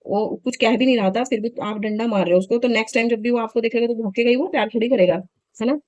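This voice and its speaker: A woman's voice: a little high, fairly even intonation, fast talker, a little mellow, no room sound, muffled recording. A woman in her thirties chatting casually in a home vlog, telling a story in an indignant, talkative way. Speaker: vlogger.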